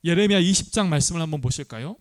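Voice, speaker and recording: Earnest preaching man, smooth and dry. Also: on the high side, expressive, rapid-fire, no room sound. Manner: earnest, asks the congregation questions. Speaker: pastor. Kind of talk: sermon.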